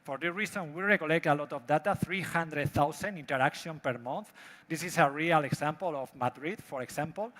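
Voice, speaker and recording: A man with a Spanish accent presents a startup product live on stage. His voice sits slightly high for a man, and he speaks broken English with halting, non-native phrasing. It rings with the long reverb of a large hall. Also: fairly bright tone. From Spain. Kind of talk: live pitch presentation with demo.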